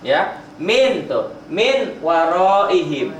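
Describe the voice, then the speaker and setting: Man, recitation teacher, high pitch, roomy echo, patient and repetitive. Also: sing-song, slight background noise. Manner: patient, repeats each example slowly, drawn-out recited phrases. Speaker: tajwid teacher. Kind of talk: Quran recitation lesson.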